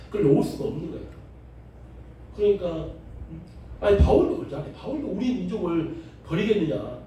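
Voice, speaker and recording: A pastor from Jeolla with a Jeolla accent, lecturing a seminary class on the Bible in a lively, joking manner and often asking the class questions. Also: male voice, a little high, slight background noise. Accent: Jeolla Korean. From Jeolla, South Korea. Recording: echoey room, recorded from a distance.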